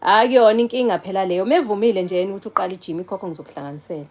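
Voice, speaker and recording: This chatty South African woman, in her forties, speaks very fast in a mid-range, slightly mellow voice during a casual live stream. She mixes English with Zulu as she replies to viewers and picks up a call.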